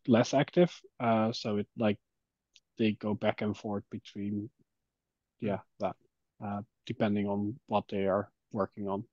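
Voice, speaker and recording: On a dry, dull online call with no echo, a man with a warm, medium-pitched voice talks informally in a casual work discussion, thinking aloud as he explains his view.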